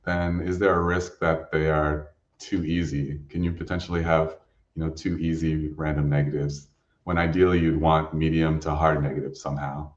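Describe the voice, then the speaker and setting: Very deep male moderator, distant and echoey. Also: level tone, moderate pace. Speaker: session host and moderator. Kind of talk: moderating a Q&A, reading questions. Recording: distant, echoey, slightly dull microphone.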